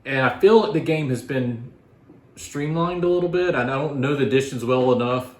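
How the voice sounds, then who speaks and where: A man's voice: medium pitch, normal speed. A man chatting informally as a guest board game reviewer, explaining his opinions in a rambling, casual way. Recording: echoey room.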